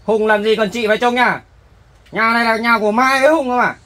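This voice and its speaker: A man's voice: extremely high pitch, fairly even intonation, fast, sharp tone. A man playing a police officer who scolds a woman and threatens to arrest her. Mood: scolding. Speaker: actor in a family skit.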